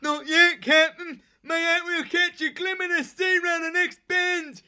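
A man's voice: extremely high pitch, flat delivery, a little slow, bright, forceful tone, pitched above the performer's own voice, heavily acted. A man voicing a small male rat lookout on a pirate ship who answers his captain deferentially in a drawl.

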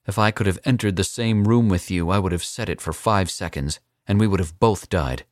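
A man voicing a young captive assassin who is defiant and taunting, in a higher, strained and sneering voice. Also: a little fast, dry recording, close to an everyday voice.

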